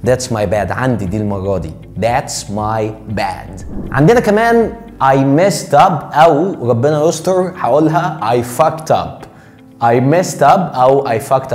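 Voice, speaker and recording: A young Egyptian man with an Egyptian Arabic accent, teaching English phrases in a joking, slangy way and drawing out the examples slowly. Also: medium pitch, a little mellow. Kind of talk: casual online English lesson. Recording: faint music behind.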